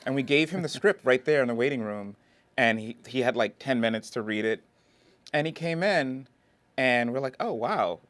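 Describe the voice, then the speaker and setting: A man's voice: medium pitch, normal speed, a bit bright, no room sound. A man with a mid-range voice, recorded close and dry, who tells a story in an amused, chuckling way. He is a filmmaker recalling the casting process during an interview. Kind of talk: anecdote in an interview.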